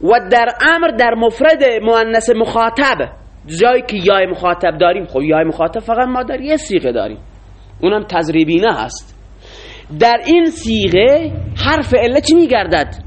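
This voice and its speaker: A man's voice: extremely high pitch, sing-song. A man teaching a classroom lecture, explaining rules and quizzing his students with frequent questions.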